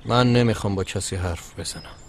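A man's voice: fairly low pitch, slight background noise, natural voice. A man dubbing a sulky, stubborn young man in a TV comedy drama, curt and subdued.

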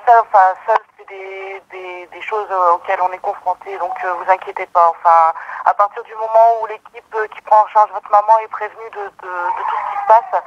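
A man's voice: sits high, gravelly, noisy background. A man on the staff of a retirement home, heard over a telephone line, answering a caller hesitantly with many filler sounds and reassuring words. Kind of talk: phone call with a caller. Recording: dull, muffled phone line.

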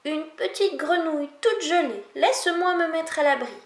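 Une femme fait la voix d'une petite grenouille gelée qui demande à se mettre à l'abri. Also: female voice, extremely high pitch, expressive, moderate pace, roomy sound, voice pushed up. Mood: pleading. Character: small frozen shivering frog.

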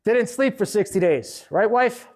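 A man with a notably high voice speaks at a business seminar, direct and emphatic. He is a middle-aged restaurant owner sharing hard lessons in a casual, conversational way. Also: expressive, unhurried, darkish tone. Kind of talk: live seminar talk. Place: conference hall.

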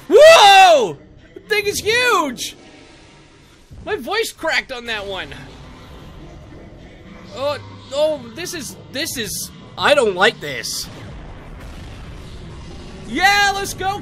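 A man voicing a brash young male cartoon hedgehog in a character reaction video, excitable and jumpy, cheering and yelping at the screen. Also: extremely high pitch, slow, faint music behind, full character voice.

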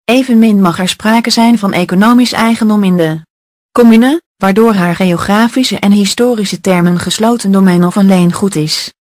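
A woman reading a political essay aloud in a steady, measured, list-like delivery. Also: medium pitch, dry recording, clean studio sound.

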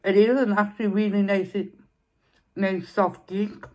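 A woman's voice: mid-range voice, fairly even intonation, measured pace, darkish tone. A young woman, chatting casually while eating on camera and repeating herself as she rambles. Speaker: food vlogger. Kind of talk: casual mukbang chat.

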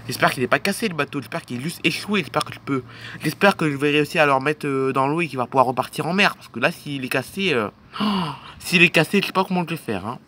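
A man's voice: a little high, expressive, quick pace, bright, forceful tone, slight background noise. A man voicing a grumpy stranded boat driver in a toy film, muttering and blaming himself. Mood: annoyed. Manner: annoyed, muttering, self-blaming.

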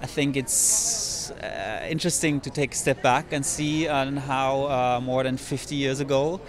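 A man giving an earnest, measured explanation in a red carpet interview. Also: medium pitch, steady tone. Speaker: film maker interviewed at premiere.

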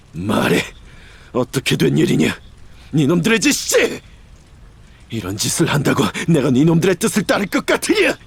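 An actor voicing a proud, defiant human wizard in a video game, with a dramatic dark lord manner. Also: male voice, low voice, slightly rough. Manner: menacing dark-lord delivery, breaking into desperate cries.

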